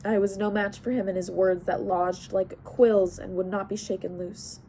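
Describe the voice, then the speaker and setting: A woman narrating a novel as an audiobook reader in a steady storytelling manner. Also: mid-range voice, moderate pace, a little hiss or hum.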